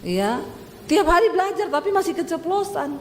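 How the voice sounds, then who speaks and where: A middle-aged woman pastor with a Sulawesi accent, preaching a sermon in an animated storytelling way, acting out quotes with rising tones. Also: very high-pitched, moderate pace, big-room sound, slight background noise. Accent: Sulawesi Indonesian.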